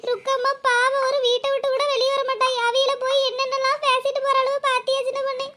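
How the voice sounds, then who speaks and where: Tearful cartoon young mother, shrill and bright, quick pleading speech, voiced by a woman. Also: monotone. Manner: pleading, self-blaming.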